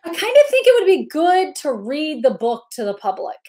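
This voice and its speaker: A woman's voice: high voice, big pitch swings, normal speed, warm tone. A woman hosting a casual live-stream chat, bubbly and giggly, rambling with lots of fillers. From Indiana, US. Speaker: host.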